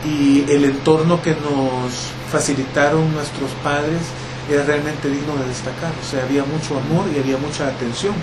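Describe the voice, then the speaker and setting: Guy talking slow and thoughtful, fairly high voice, aircon humming in the room. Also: fairly even intonation, noisy background. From El Salvador. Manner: reflective, many fillers and hesitations. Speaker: interviewee. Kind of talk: relaxed conversational interview.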